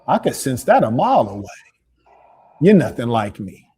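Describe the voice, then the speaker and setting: A man's voice: mid-range voice, sing-song, normal speed, dark tone, a little hiss or hum. A man hosting a heated call-in debate. He lectures and dismisses the caller and keeps interrupting him. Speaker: debate show host.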